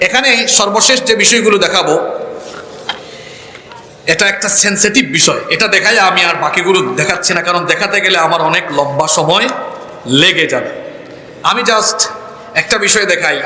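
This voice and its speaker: A man preaching a fiery sermon, sliding from low, measured explanation into loud, shouted outbursts. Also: echoey room, slight background noise. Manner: shouts and rises sharply in pitch when angry.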